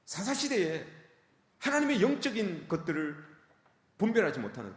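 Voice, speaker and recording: Male pastor, emphatic sermon delivery, quick and animated, in an echoey sanctuary. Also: a little high. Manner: emphatic, repetitive preaching, addressing the congregation often.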